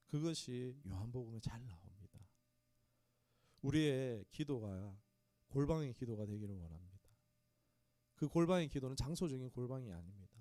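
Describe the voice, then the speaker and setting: A man's voice: mid-range voice, mellow, dry recording. A male pastor giving a conversational sermon to his congregation in a small church. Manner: conversational preaching, talks straight to the congregation.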